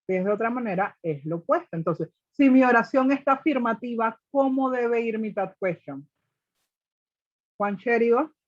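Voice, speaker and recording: A woman's voice: on the high side, normal speed, no echo, muffled recording. A woman teaching an online class, explaining grammar step by step and often checking with her students. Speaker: English teacher.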